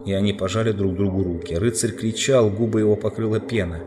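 Low-voiced male audiobook narrator. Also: fairly even intonation, background noise. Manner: measured storytelling. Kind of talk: scripted narration.

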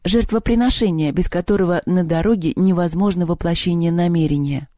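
A reader voicing an anxious teenage girl who speaks quietly. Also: mid-range voice, a little fast, dry recording, studio quality, natural voice. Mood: worried. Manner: quiet, worried.

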